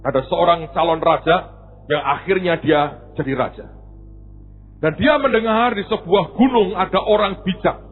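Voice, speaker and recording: A man's voice: high voice, moderate pace, husky. A male pastor, telling a story in a sermon and acting out the people in it, often calling the congregation "saudara". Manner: animated, acts out quoted voices, addresses congregation as saudara. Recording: tinny phone-like audio with faint music.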